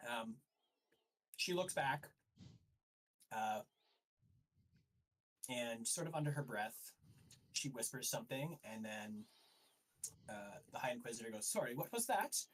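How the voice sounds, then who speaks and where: Man as game master, hesitant unhurried narration, distant mic. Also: medium pitch, a bit bright. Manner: hesitant, full of um and sort of. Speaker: dungeon master. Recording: voice a bit far from the mic.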